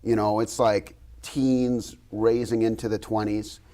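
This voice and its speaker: Animated man telling a self-deprecating story. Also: lowish voice, a little slow. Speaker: TV news host. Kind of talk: casual TV studio chat, anecdote. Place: TV news studio.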